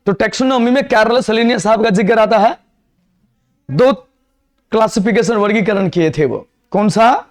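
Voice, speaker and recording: A man teaching a biology class, lecturing in a mix of Hindi and English and quizzing students with repeated questions. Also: sits high.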